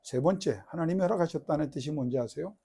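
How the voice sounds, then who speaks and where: High-voiced pastor preaching with loud swings. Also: male voice, fast talker, breathy edge. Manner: swings between loud crying-out prayer and soft, low asides; questions the congregation and has them repeat lines. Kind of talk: sermon.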